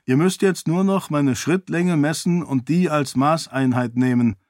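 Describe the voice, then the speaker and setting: A man doing a bright-voiced young man. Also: on the high side, measured pace, no echo, clean studio sound, pitched above the performer's own voice, lightly acted. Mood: earnest. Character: young man, newly healed, precise with numbers.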